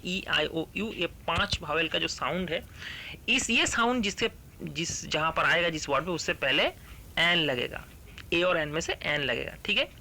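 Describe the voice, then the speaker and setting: A male English grammar teacher, reading rules aloud slowly and then explaining them, often asking the class a question and answering it himself. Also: high voice, creaky, pushed and bright.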